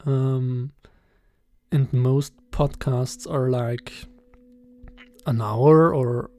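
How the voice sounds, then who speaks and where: A young man in his twenties with a German accent, talking casually in a podcast-style voiceover, hesitant and halting with many fillers and soft chuckles. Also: mid-range voice, fairly even intonation. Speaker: channel host. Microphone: voiceover recorded separately.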